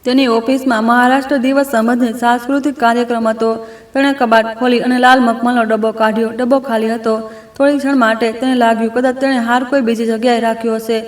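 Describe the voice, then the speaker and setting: A woman narrating a family drama story in a steady reading voice. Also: fairly high pitch, fast talker. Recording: echoey room.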